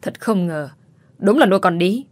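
A woman's voice: medium pitch, lively intonation, normal speed, dry recording, close to an everyday voice. A woman voicing a furious, spiteful middle-aged stepmother who screams insults, in a storybook reading. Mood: enraged.

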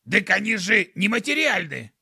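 A man's voice: high voice, sing-song, normal speed, pushed and bright, dry recording, studio quality, pitched above the performer's own voice, full character voice. A man voicing a grumpy, cheeky pet skunk who grumbles in slangy speech. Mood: indignant. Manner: grumbling, gruff, streetwise. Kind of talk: audiobook narration.

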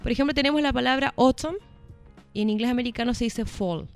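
A woman's voice: a little high, quick pace, clear, resonant tone, soft background music. A woman teacher with a Chilean Spanish accent explaining things in a casual chat, often checking in with "¿ya?" and laughing lightly. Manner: chatty, checks in with "¿ya?", laughs between points. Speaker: English teacher.

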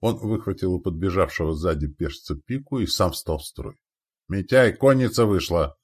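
A man's voice: low-pitched, brisk, slightly rough. A man narrating a war novel as an audiobook in a dramatic reading style.

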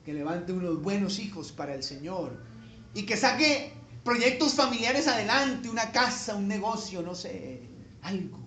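A man with a Colombian accent preaching a conversational sermon, folksy and joking, building to emphatic peaks. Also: sits high. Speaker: pastor. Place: church sanctuary. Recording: echoey church room.

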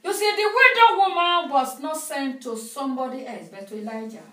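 A woman preaching a sermon through an interpreter, lively and often laughing between phrases. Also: sits high, moderate pace. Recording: echoey hall, mic at a distance.

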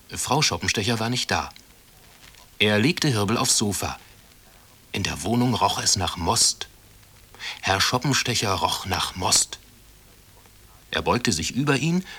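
A man reading a children's story aloud in calm, measured school-radio narration. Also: on the low side, slightly rough. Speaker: reader.

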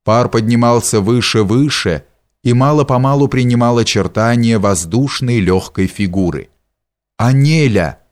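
A man reading a story aloud in measured, deliberate audiobook narration. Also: medium pitch. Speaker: audiobook reader.

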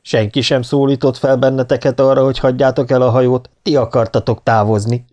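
A man's voice: mid-range voice, flat delivery, a little mellow, voice pushed up, close to an everyday voice. A man voicing a young male lieutenant, a stubborn officer who gives firm, clipped orders in an audiobook. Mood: stern.

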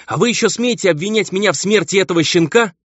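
A man's voice: high voice, fast, dry recording, voice pushed up. A man voicing a pompous, contemptuous baron and cruel husband, on a dull, lo-fi recording.

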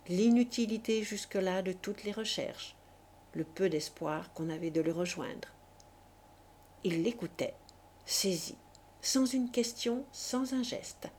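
A woman reading a classic novel aloud in a measured, expressive storytelling manner. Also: fairly low pitch, a little hiss or hum. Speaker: audiobook reader.

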